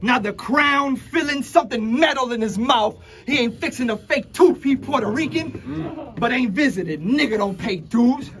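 Captured up close on a handheld camera, a young battle rapper from the Dominican Republic, a native Spanish speaker, fires off a taunting, punchline-heavy verse with aggression inside a packed room. He has a very high, slightly bright voice with lively intonation and a normal speed.

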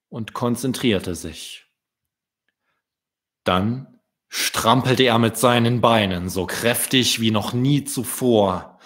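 A man, a children's book author, reading his story aloud in a deliberate storytelling manner. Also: on the low side, a bit bright.

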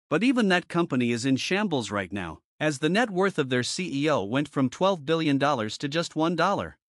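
A man with a somewhat high voice narrates a scripted explainer, tossing in casual, wry asides and rhetorical questions. The sound is close and dry. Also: dry recording.

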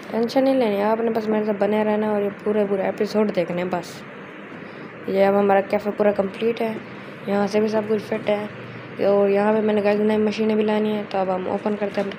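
A woman hosting a gameplay video, giving chatty, casual commentary as she plays and often addressing her viewers as guys. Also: medium pitch. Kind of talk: casual let's-play commentary. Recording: steady background noise.

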